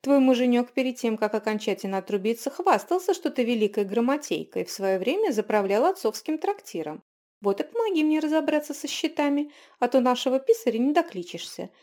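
A woman voicing a fawning, flustered innkeeper who gushes with lifted pitch. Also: sing-song, a little fast, mellow. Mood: bossy. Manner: gushing, fawning, breathless.

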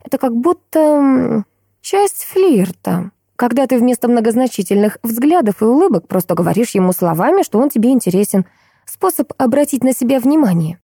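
A woman voicing a calm, gently teasing seventeen-year-old girl. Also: a little high, normal speed, husky, dry recording, studio quality, pitched above the performer's own voice, full character voice. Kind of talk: audiobook character voice.

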